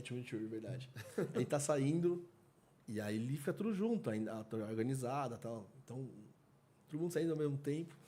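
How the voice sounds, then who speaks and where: A man with a Brazilian Portuguese accent co-hosting a football podcast, telling lively stories and laughing often. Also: medium pitch. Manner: animated storyteller, laughs often. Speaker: podcast co-host. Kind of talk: casual chat.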